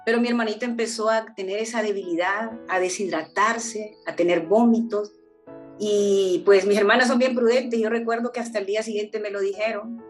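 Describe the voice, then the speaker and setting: Earnest woman preaching over soft music. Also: mid-range voice, steady tone, normal speed. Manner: earnest and heartfelt, with frequent restarts. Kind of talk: personal testimony sermon.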